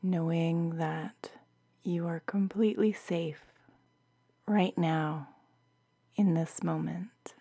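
A woman guiding a bedtime meditation in a soft, soothing, half-whispered voice, like a sleep story narrator. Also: lowish voice, steady tone, slow pace, gravelly, pauses often. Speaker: meditation guide.

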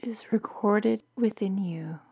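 A woman guiding a bedtime meditation in a soft, soothing, half-whispered voice, like a sleep story narrator. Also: medium pitch, takes it slowly, gravelly, husky, lo-fi sound. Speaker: meditation guide.

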